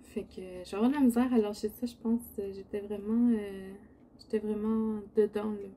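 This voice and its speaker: A woman's voice: medium pitch, steady tone, moderate pace, mellow, a little hiss or hum. A woman with a Quebec French accent chats casually while crafting, rambling a little in a sleepy morning voice. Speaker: diamond painting video host. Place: indoor home craft setup.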